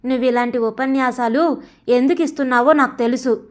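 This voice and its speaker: In a storybook reading, a woman gives voice to a defiant teenage son who resents being told what to do. Her high voice moves a little fast and is lightly acted, full of sulky sarcasm as he talks back.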